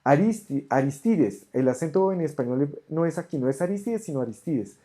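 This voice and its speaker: A teacher giving an online ancient Greek grammar lesson, patiently correcting homework and sounding out Greek words slowly. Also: mid-range voice, dark tone. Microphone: camera on a desk.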